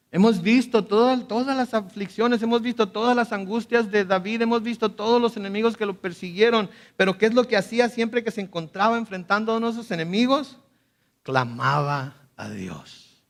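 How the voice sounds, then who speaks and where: A male pastor preaching a conversational sermon with animated asides and frequent restarts. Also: sits high. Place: school auditorium.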